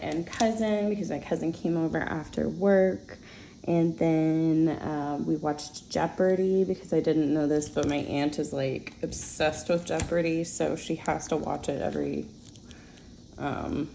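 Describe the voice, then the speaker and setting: Young woman planner vlogger, low and gravelly, unhurried chatty voice-over, faint hiss behind. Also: rough recording. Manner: chatty, relaxed, many fillers and soft laughs. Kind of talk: casual voice-over while decorating a planner.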